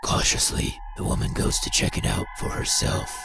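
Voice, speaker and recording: A man's voice: moderate pace, music in the background. A man giving scripted, suspenseful narration over paranormal video clips. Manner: dramatic, suspenseful storytelling.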